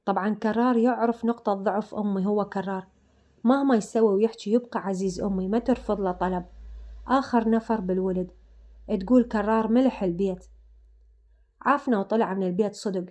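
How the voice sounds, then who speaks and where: A woman with an Iraqi Arabic accent narrates a family story in a casual, chatty way. She talks straight to her listeners as she goes. Her voice is mellow and soft. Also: mid-range voice, steady tone, quick pace. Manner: chatty, addresses listeners directly.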